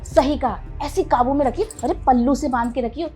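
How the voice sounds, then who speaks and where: A sharp-tongued, scheming mother, played by a woman, scolds and taunts in a high voice. Soft music runs faintly underneath her lines. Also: fairly quick, close to an everyday voice. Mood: scolding. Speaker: mother-in-law character. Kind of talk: family drama acting.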